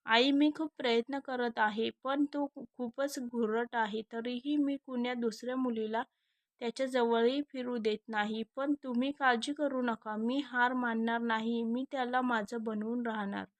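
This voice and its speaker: A woman's voice: on the high side, steady tone, normal speed, no echo, close to an everyday voice. A woman voicing a sly young woman set on winning over a man, in a storybook reading. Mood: scheming. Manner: sly, determined. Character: scheming young woman chasing her cousin.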